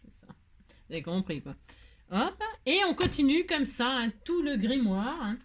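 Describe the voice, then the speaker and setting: A French woman with a high-sitting voice and big pitch swings hosts a casual craft tutorial at normal speed. She's chatty yet hesitant, filling gaps with "euh" and "hein" and laughing at herself, over faint background noise and clicks.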